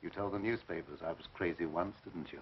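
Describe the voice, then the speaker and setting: An actor playing a grandiose, resentful mad scientist in an old horror film, speaking formally and theatrically with menacing politeness. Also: male voice, deep voice, fairly quick, slight background noise, close to an everyday voice. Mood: scornful, menacing. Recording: muffled old film soundtrack.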